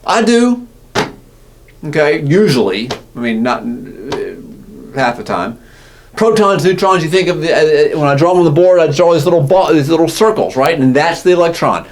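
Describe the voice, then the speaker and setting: A man lectures on physics in a relaxed classroom way. He corrects himself as he goes and keeps checking in with his listeners. His voice sits a little higher than most men's. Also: moderate pace. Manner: casual, self-correcting, asks "right?" often. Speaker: physics teacher.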